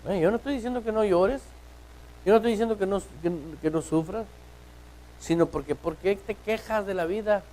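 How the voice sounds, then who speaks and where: High-voiced male pastor preaching with questions. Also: a little fast, slight background noise, rough recording. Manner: preaches with rhetorical questions, swings from loud to hushed. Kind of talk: sermon. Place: church.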